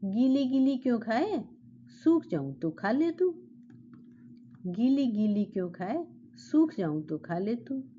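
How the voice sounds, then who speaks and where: A woman voicing a mischievous little female sparrow who chants slow teasing songs. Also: a little high, big pitch swings, mellow, lo-fi sound, a little hiss or hum. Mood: taunting sing-song. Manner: slow sing-song chanting.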